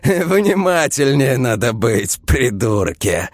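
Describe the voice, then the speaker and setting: A cocky, cruel teenage bully drawls out his mockery, as a man reading a story voices him, each line opening with a lazy grunted "eh". The voice sits a little above the reader's own and keeps its gravelly texture. It is a character voice in an audiobook. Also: medium pitch, sing-song, takes it slowly, dry recording, studio quality, pitched above the performer's own voice, exaggerated voice. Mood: sneering mocking. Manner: drawling, mocking, opens with a grunted "э".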